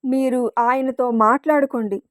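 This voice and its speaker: A stern old head of the family, firm and scolding, as a woman reader puts him on. The voice is high and dry with no room sound. It is a figure in a storybook read aloud. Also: steady tone, unhurried, no echo. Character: stern elderly patriarch of the family.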